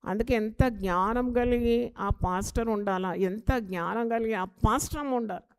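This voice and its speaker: A woman's voice: on the high side, normal speed, clean tone. A woman pastor preaching an earnest sermon, asking rhetorical questions and exhorting her listeners.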